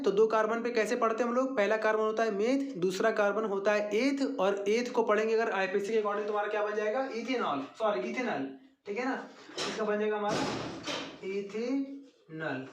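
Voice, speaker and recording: A man teaching a chemistry lesson to a class. He repeats formulas slowly and keeps asking the class questions, then answers them himself. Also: high voice, flat delivery, a little hiss or hum. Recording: echoey room.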